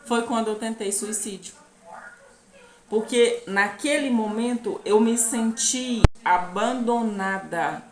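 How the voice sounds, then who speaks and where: Earnest Brazilian woman in an echoey room. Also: on the high side. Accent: Brazilian Portuguese. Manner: halting, earnest, often asks the listener "entende?". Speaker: channel host telling her life story. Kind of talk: personal testimony to camera.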